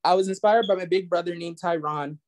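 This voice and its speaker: A man's voice: sits high, a little fast, a little mellow, rough recording. A man in his twenties presenting his artwork on a video call, hesitant and apologetic at times. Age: 20s. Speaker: student artist presenter. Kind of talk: casual presentation.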